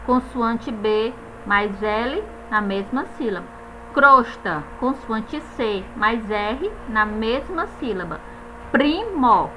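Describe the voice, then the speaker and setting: Woman, high voice, grammar teacher, slow stressed example words. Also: bright, forceful tone, slight background noise, rough recording. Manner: stresses each example word slowly, spells out letters, tags "né?". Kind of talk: grammar lesson explanation.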